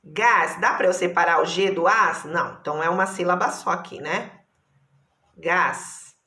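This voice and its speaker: A woman's voice: on the low side, normal speed, sharp tone, roomy sound. A woman teacher with a Brazilian Portuguese accent, patiently spelling words out syllable by syllable for her class. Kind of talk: online class lesson.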